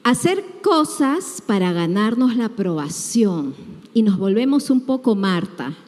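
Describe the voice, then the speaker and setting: A woman from Peru preaching a sermon, animated and acting out the voices of people she quotes. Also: mid-range voice, a little slow. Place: church hall. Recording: hall reverb.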